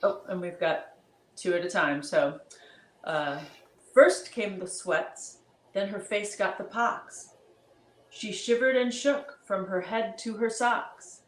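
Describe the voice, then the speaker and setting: Slow storytelling woman reading rhyme. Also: mid-range voice. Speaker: storybook reader. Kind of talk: reading a rhyming picture book aloud. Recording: roomy echo.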